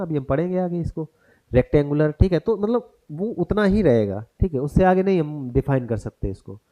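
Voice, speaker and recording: A man's voice: on the high side, dark tone. A man teaching a grammar lesson for exam prep, who turns each point into a question for the class and mixes English terms into his explanation.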